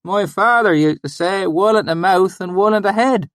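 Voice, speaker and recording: A man voicing a wary, weathered old swineherd in an audiobook, with a thick rural dialect and a loud, hearty manner. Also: moderate pace, dry recording, clean studio sound. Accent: thick rural backwoods dialect. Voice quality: shouting, hearty, high-pitched. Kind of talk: audiobook character voice.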